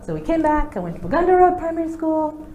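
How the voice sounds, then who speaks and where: A woman's voice: sits high, very animated, fast, mellow, lo-fi sound. A Ugandan woman in her forties, a guest answering interview questions and laughing now and then. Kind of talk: interview conversation. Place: studio. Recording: echoey studio with faint noise.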